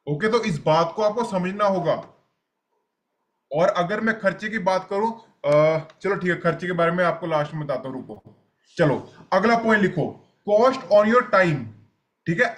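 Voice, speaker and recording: A male health coach with a fairly high voice leads a live session. He talks bluntly, repeats his points and keeps checking in with the people listening. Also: bright, forceful tone. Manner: blunt, repetitive, addresses listeners directly.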